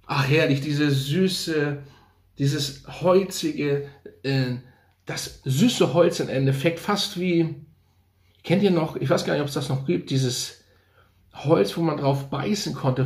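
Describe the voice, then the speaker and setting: A man's voice: a little high, darkish tone, echoey room. A man casually reviewing fragrances, enthusiastic and thinking aloud, repeating his slang praise as he goes. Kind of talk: casual unscripted product review.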